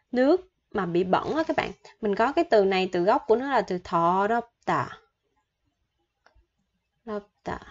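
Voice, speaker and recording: A Vietnamese-speaking woman teaching Korean vocabulary and grammar, patiently repeating each word and asking her viewers questions. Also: medium pitch. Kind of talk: explaining vocabulary and grammar to learners. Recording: dull lo-fi sound.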